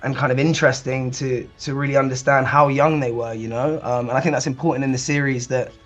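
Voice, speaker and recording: A man's voice: mid-range voice, steady tone, fast talker, fairly bright tone, faint music behind. A man in his twenties, an actor, answering earnestly with many fillers. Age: 20s. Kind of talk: press interview.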